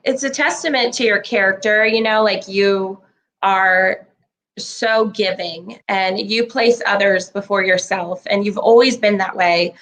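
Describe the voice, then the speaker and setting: A woman's voice: medium pitch, a little slow, fairly bright tone, rough recording. A woman of about thirty co-hosting a podcast, talking casually, supportive and teasing. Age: 30s. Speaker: podcast co-host. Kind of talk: casual chat.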